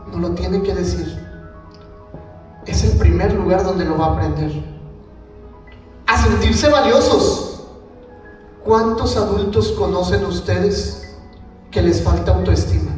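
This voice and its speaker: A man with a Mexican Spanish accent tells a family story at a conference and speaks each person's lines. He sounds far from the microphone in a large hall with a long, booming echo. Faint music plays underneath. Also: a little mellow. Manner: storytelling, acts out his daughter's and wife's lines. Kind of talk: conference talk with personal anecdote. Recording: echoey hall, mic from afar, faint music.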